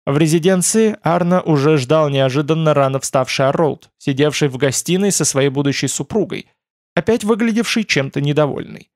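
A man narrating a fantasy audiobook in an even, steady reading. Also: fairly high pitch, normal speed, dry recording, clean studio sound. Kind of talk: scripted narration.

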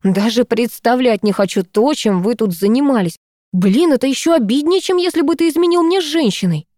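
A woman reading an audiobook, voicing a furious, scornful young woman who lashes out in raised, sharp outbursts. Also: fairly high pitch, expressive, fairly quick, no room sound, studio quality, pitched above the performer's own voice, lightly acted.

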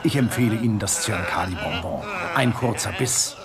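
In a German radio drama, an actor plays Sir Bogomil, a suave, sadistic middle-aged villain who speaks with mocking relish. The male voice is fairly low with lively intonation at normal speed, heard over a noisy crowd.

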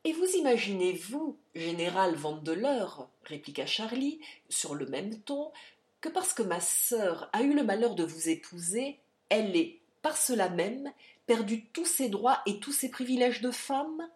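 A proud young gentleman answers back with indignation, as a woman reads him aloud. His pitch leaps up when he grows heated. It comes from a storybook audiobook. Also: sing-song, measured pace. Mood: indignant. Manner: indignant, shouting.

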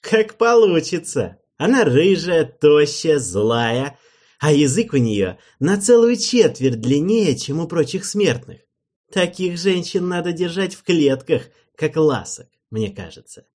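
A man voicing a cruel, domineering king who jeers loudly and speaks slowly, with a husky voice. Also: big pitch swings. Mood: jeering. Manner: booming, slow, jeering. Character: cruel loud-mouthed male king, mocking and domineering.

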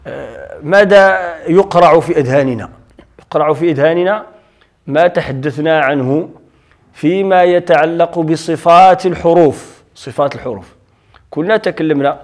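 A man's voice: on the high side, darkish tone. A middle-aged man with a Moroccan accent lecturing on Quran recitation rules, explaining patiently and asking himself questions. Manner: explanatory, repeats key terms and asks himself questions. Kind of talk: classroom lecture on tajweed.

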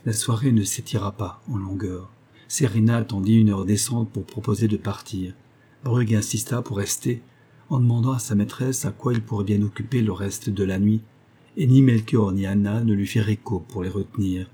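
A man narrating a literary novel in a measured, even reading. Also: lowish voice, husky. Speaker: audiobook narrator.

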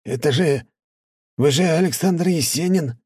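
A man's voice: fairly high pitch, measured pace, creaky, a little mellow, slightly rough, no echo, voice pushed up, full character voice. A man voicing a frightened nobleman who stammers and panics.

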